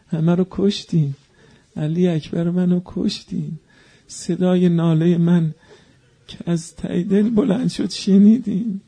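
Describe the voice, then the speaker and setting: A man preaching a mourning sermon, moving between quiet narration and chanted, wailing cries. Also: fairly high pitch, gravelly, slightly rough.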